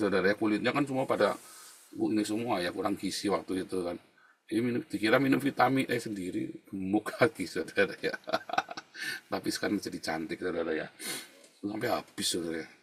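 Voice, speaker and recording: A man pastor preaching a sermon in a chatty, storytelling way, often dropping to a low murmur and then rising into loud emphatic bursts. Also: husky. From Indonesia. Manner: conversational preaching, keeps adding "saudara ya". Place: the Netherlands.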